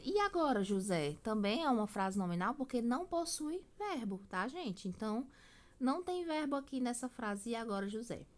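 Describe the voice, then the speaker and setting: Woman teaching a grammar lesson. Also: fairly high pitch. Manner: explanatory, checks in with "tá certo?".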